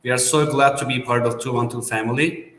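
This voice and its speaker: A man, a startup co-founder, giving a business pitch with non-native phrasing and frequent restarts. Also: steady tone, a little fast, fairly bright tone, slight background noise. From Turkey. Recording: roomy with long reverb.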